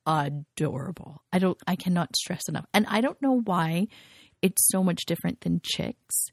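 A woman's voice: on the low side, moderate pace, no room sound, studio quality. A woman co-hosting a casual podcast, chatting and gushing with frequent laughs, rambling as she goes. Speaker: podcast co-host. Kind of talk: casual chat.

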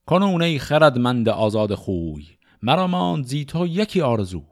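A man's voice: medium pitch, sing-song, pitched above the performer's own voice. A man voicing a mighty, commanding warrior champion in declaimed epic verse. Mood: solemn.

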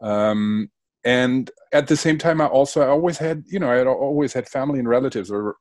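In a thoughtful interview, a male guest with a mid-range, darkish voice speaks briskly but falters, frequently starting over. He lives in Germany, Spanish is his native tongue, and the sound is dry.

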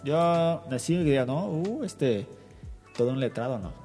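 A man's voice: mid-range voice, big pitch swings, moderate pace, warm tone, in a large hall, faint music behind. A man co-hosting a casual podcast, joking and rambling through anecdotes. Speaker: podcast co-host. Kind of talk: casual chat.

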